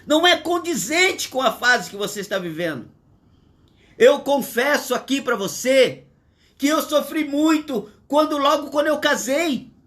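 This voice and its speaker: Brazilian pastor, man in his sixties, notably high voice, emphatic and repetitive live sermon from home. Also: animated, a little slow, a bit bright. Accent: Brazilian Portuguese. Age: 60s. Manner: earnest, repetitive, emphatic preaching. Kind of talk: livestreamed sermon.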